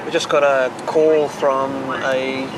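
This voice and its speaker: A man's voice: mid-range voice, flat delivery, takes it slowly. A man with a New Zealand accent, a police constable speaking matter-of-factly. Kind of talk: matter-of-fact explanation and orders. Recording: clear vehicle and street noise.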